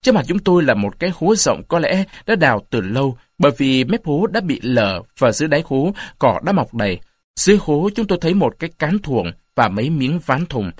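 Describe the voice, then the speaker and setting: A man narrating a story aloud in an expressive reading style. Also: a little high, brisk, breathy edge, dry recording, clean studio sound. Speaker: audiobook narrator.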